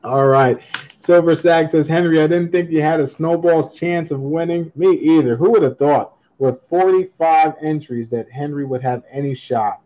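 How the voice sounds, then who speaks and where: A man's voice: fairly high pitch, normal speed, mellow. A man hosting a coin auction livestream in casual chat, upbeat, reading chat comments aloud and laughing often. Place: indoor room at a table with coins, voice off camera. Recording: slightly dull lo-fi webcam audio.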